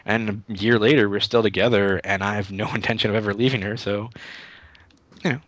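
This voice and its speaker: Bright-voiced young man rambling casually. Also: fairly low pitch, fairly even intonation, brisk, no echo. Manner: rambling, with frequent restarts and "uh". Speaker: YouTube Let's Play creator, interview guest. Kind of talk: casual livestream interview answers.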